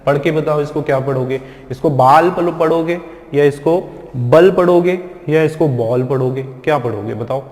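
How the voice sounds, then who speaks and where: A man with a fairly high voice gives a classroom lesson on pronunciation. He explains step by step and keeps asking the class whether the point is clear. The room echoes, with a long reverb trailing his words. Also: moderate pace, hardly any pauses, warm tone. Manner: explains step by step, often asks the class questions. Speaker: spoken English teacher.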